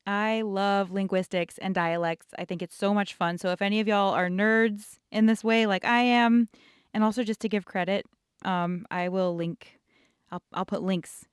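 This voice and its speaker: A woman's voice: mid-range voice, fairly even intonation, normal speed, clear, resonant tone, no echo, studio quality. A young woman casually telling rambling childhood stories while sketching, laughing often. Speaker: art channel host.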